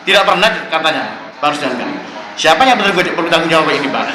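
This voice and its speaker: A man's voice: a little high, fast talker. A man, making an impassioned complaint at a council hearing and insistently addressing the officials as "Pak" after nearly every phrase. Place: council meeting room. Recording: echoey room with steady background noise.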